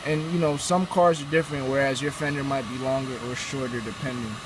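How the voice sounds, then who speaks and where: A man's voice: mid-range voice, fairly even intonation, quick pace. A young man hosting a car channel, explaining a how-to in a laid-back, rambling way with fillers. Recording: noisy background with vehicle sounds.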